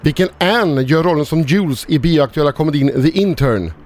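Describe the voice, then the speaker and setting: Male quiz reader, matter-of-fact, slightly high voice. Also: darkish tone, soft background music. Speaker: quiz reader and radio producer. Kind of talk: reading quiz questions.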